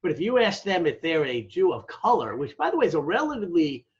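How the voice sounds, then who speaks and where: Speaking quickly with wildly swooping pitch, this fairly high-voiced American man is an academic demographer in a conversational interview. He explains emphatically and didactically, checking in often and posing rhetorical questions, on dull, lo-fi audio.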